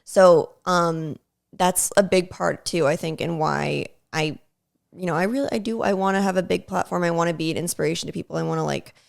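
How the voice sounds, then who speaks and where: A woman's voice: lowish voice, fairly quick, creaky. A young adult woman talking as an interview guest in an earnest, casual way, filling her sentences with many "like"s. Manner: earnest, filler-heavy talk with many "like"s. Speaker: actress and podcast guest.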